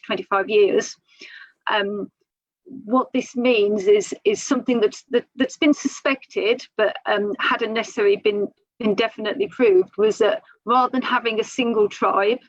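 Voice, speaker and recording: A woman's voice: mid-range voice, no echo, muffled recording. A woman archaeologist on a panel, explaining findings thoughtfully with frequent ums and restarts over a video call.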